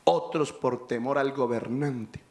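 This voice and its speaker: A man preaching a sermon as pastor, impassioned and rising to shouts. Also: medium pitch, takes it slowly, echoey room.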